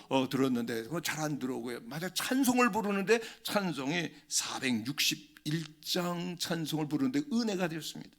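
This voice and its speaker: An older man preaching a sermon as a pastor, telling a family story with emphatic swings in pitch and loudness and acting out the dialogue. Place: church sanctuary.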